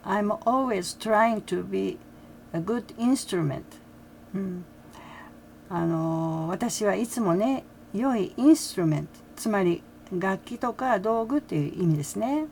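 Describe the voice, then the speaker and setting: Chatty woman with a gravelly voice. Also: medium pitch, animated, unhurried, a little hiss or hum. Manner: chatty, many fillers, frequent soft laughs. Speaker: fan reaction vlogger. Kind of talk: casual commentary.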